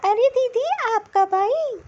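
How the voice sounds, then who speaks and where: A woman's voice: extremely high pitch, takes it slowly, a little mellow, dull audio. A woman voicing a kindly middle-aged mother-in-law in a cartoon, speaking affectionately. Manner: affectionate, soothing. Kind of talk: Hindi cartoon voice acting.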